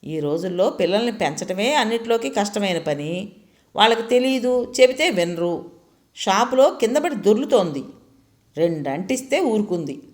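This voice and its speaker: A woman's voice: medium pitch, lively intonation, normal speed, close to an everyday voice. A woman voicing a bossy, talkative middle-aged aunt who scolds freely. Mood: scolding. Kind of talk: storytelling voice acting.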